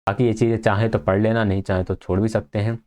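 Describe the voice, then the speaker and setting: A man's voice: lowish voice, little pitch movement, fast talker, a little mellow. Man explaining exam notes casually. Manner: explains casually, reads notes aloud then paraphrases. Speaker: teacher. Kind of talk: exam-prep lecture.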